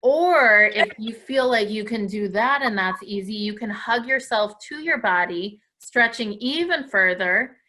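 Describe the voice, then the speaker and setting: In a low-quality recording, a woman with a medium-pitched, expressive, bright and forceful voice runs a live children's stretching class as a dance host for viewers at home. She speaks unhurriedly with few pauses, encouraging everyone and praising them often.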